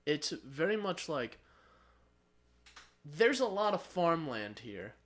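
A man's voice: on the high side, sing-song, slow pace, fairly bright tone. A young American man co-hosting a podcast, chatting in a laid-back way with dry, swearing remarks. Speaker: podcast co-host. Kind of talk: casual chat.

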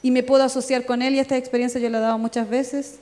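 A Chilean woman pastor delivers her sermon in a somewhat high voice, animated and full of quoted dialogue. The sound carries a long reverb from a church hall. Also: quick pace. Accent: Chilean Spanish. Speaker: pastor and worship leader.

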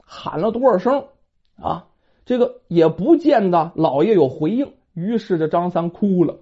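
A woman's voice: lowish voice, lively intonation, unhurried, husky. A woman telling a folk tale in a dramatic, colloquial storytelling manner, in a dull lo-fi recording.

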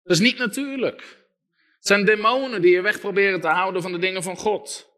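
A male preacher with a high, bright voice delivers an emphatic sermon. He builds his points through lists and tells stories, acting out the lines of the people in them. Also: a little fast. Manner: emphatic, storytelling with lists and quoted dialogue.

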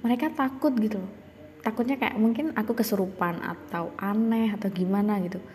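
Young woman, personal storytelling, reflective, hesitant, warm mellow tone, long reverb. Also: mid-range voice, brisk, slight background noise. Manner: reflective, confessional, hesitant with restarts.

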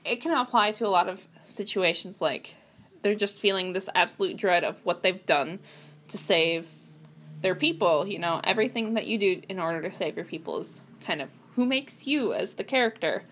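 A woman's voice: mid-range voice, expressive, normal speed, fairly bright tone, a little hiss or hum. A young woman at home, chatting about writing tips with lots of fillers and restarts. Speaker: writer reviewing writing tips. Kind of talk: casual solo commentary. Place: at home at a computer.

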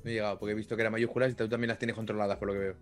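A man's voice: on the low side, level tone, very fast, faint music behind. A man from Catalonia with a Catalan accent, chatting casually on a live stream, joking and swearing freely.

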